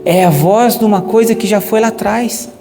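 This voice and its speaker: A man's voice: high voice, moderate pace, vocal fry, mellow, faint music behind. A man with a Brazilian accent, a pastor preaching a sermon emphatically and asking the congregation questions. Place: church hall. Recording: echoey church hall with long reverb and faint noise.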